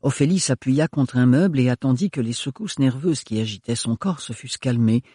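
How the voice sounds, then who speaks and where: Husky male audiobook narrator. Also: medium pitch, a little fast, warm tone, no room sound, clean studio sound.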